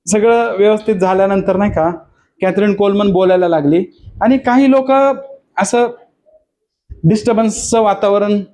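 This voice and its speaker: A man's voice: sits high, dark tone, low-quality recording. A male pastor with a Marathi accent preaching a sermon, mixing in English phrases and often checking that listeners understand.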